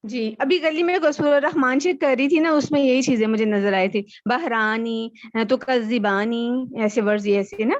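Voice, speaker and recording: Woman student reader, slow and careful, dull call audio. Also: a little high. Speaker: student reading aloud. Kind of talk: reading a lesson aloud in class. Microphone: video call.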